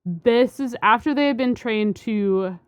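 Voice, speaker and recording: A woman's voice: on the high side, unhurried, clear, resonant tone, dry recording. A woman co-hosting a podcast, explaining a science study in a rambling, casual way with many fillers and restarts. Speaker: podcast co-host.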